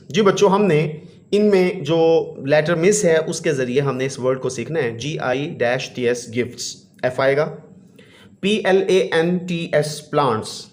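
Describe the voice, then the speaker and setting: Man teaching a lesson, high voice, slow deliberate delivery, addresses kids. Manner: reads English slowly, then explains in Urdu; calls listeners children, sing-song stress on English words. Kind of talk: reading and explaining a school textbook lesson.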